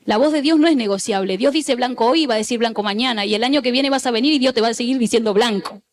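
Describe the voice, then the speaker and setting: Middle-aged woman pastor, high voice, exhorting sermon with call-and-response repetition. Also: fast. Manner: exhorting, repeats phrases for the congregation to echo; animated storytelling.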